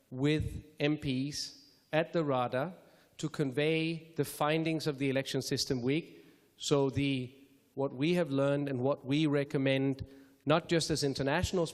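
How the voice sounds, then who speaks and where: A man from Denmark giving measured, formal opening remarks at a public lecture, with careful phrasing and the odd self-correction. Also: fairly high pitch. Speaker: speaker introducing a public lecture. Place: lecture hall. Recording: reverberant lecture hall.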